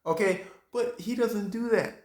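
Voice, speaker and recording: A man preaching a sermon, talking straight to his congregation, acting out reactions and breaking into high exclamations. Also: measured pace, darkish tone, reverberant. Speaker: pastor.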